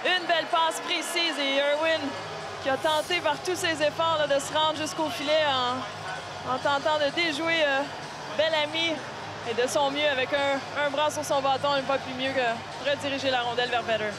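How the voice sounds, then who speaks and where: A woman's voice: sits high, steady tone, normal speed, music in the background. A woman giving live hockey analysis as a colour commentator. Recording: noisy arena with loud crowd. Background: arena crowd and noise.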